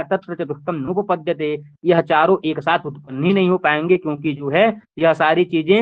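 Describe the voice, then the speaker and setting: A man with a fairly high voice gives a patient lecture on a classical Sanskrit text. He talks, goes over each point more than once and keeps asking his listeners rhetorical questions. The sound is thin and narrow, like a phone line. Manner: slow, repetitive explanations with rhetorical questions. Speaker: Sanskrit teacher. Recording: tinny phone-like audio.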